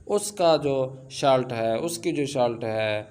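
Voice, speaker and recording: A man teaching Persian in an online lesson. He reads Persian sentences aloud and then explains them slowly, with many filler sounds. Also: medium pitch, a little mellow, clear, resonant tone.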